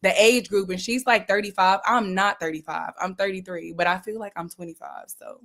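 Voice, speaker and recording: A woman's voice: medium pitch, steady tone, a little fast, crowd noise. A woman, talking candidly as an interview guest and laughing often. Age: 30s. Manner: giggly, candid. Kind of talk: casual interview.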